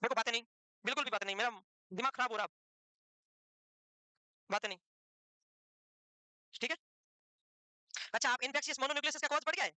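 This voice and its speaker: A man teaching a class at a quick clip, his voice high and bright. He scolds, jokes and teases students between dictated notes, and the sound is dry and close. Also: smooth, no room sound. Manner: brisk, scolding, teasing joker. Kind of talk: classroom lecture.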